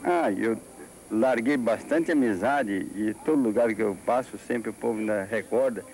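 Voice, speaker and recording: A rodeo founder from southern Brazil, a man in his fifties with a Brazilian accent, chats casually in an interview at night outdoors at a rodeo arena, speaking into a handheld reporter microphone. His voice is lowish and somewhat dark, at a moderate pace. The rough recording comes from old TV tape, with music behind him.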